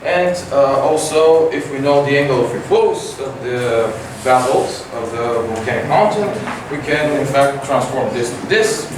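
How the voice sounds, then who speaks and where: A teenage boy giving a science competition report with many fillers and halting phrasing. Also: medium pitch, lively intonation. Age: teens. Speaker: student presenter. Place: large classroom with projector. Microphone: far camera. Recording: echoey room from far off, noisy.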